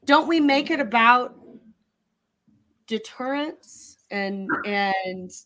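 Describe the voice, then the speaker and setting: A woman's voice: on the high side, expressive, extremely slow, a bit bright. A woman hosting a podcast, talking through her views in a thoughtful casual discussion, often restarting her phrases. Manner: thoughtful, restarts phrases while building an argument. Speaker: podcast host.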